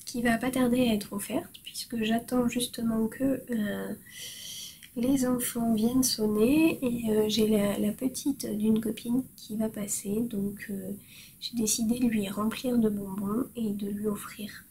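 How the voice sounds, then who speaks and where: A woman with a somewhat high voice talks slowly through her crafts, pausing often on fillers. She sounds cheerful and pokes fun at herself. Faint room noise sits under her voice. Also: fairly even intonation, warm tone, low-quality recording. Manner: hesitant, with frequent fillers; cheerful and self-mocking. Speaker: host of a crafting podcast. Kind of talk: casual show-and-tell chat.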